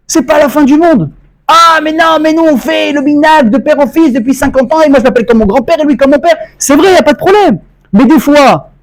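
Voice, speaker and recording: High-pitched guy rabbi telling stories in a torah class, acts out the voices. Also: poor audio. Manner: animated storytelling, acts out dialogue. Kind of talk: Torah lecture with anecdotes.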